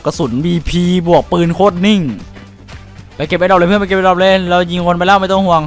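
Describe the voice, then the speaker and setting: A man's voice: high voice, fast talker. A man giving casual, crude, joking commentary while playing a shooter game, with faint music behind him. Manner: excitable, crude banter, sings and jokes mid-fight. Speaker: gaming streamer.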